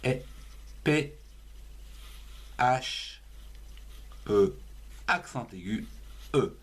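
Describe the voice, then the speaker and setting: A man's voice: medium pitch, expressive, extremely slow. A man teaching cursive writing, spelling out words letter by letter and syllable by syllable in a patient lesson. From France.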